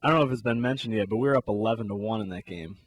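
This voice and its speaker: A man's voice: fairly low pitch, racing, husky, dry recording. A man co-hosting a sports talk show, casually recounting a game in detail with easy laughs. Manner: laid-back, recounts plays in detail with laughs. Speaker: co-host.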